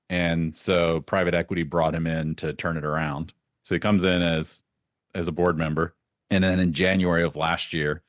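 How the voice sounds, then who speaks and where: A man being interviewed as a podcast guest, telling lively anecdotes and laughing often. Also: sits low, no echo, studio quality. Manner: animated anecdotes with frequent laughs. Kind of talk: casual interview storytelling.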